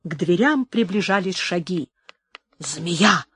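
An audiobook narrator giving a measured, expressive dramatic reading of a classic novel. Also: mid-range voice, dry recording.

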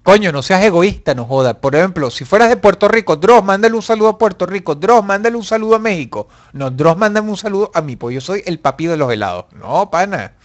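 A young man hosts a live stream in a high, bright voice. He reads out his viewers' comments and answers them with profane, mock-angry jokes. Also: animated, fast, hardly any pauses. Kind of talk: casual live chat.

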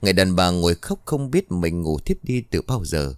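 Male storyteller, very low voice, dry close read, measured. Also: very animated, a little mellow, clear, resonant tone, no room sound. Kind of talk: scripted ghost-story narration.

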